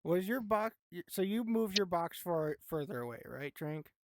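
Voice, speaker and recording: A relaxed game master guides the players through a tabletop session in a loose, chatty manner and laughs easily. The voice sits at a middle pitch and sounds close and dry, with no room around it. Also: normal speed, no echo. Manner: laid-back, chatty, laughs often, swears. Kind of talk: running a tabletop game live.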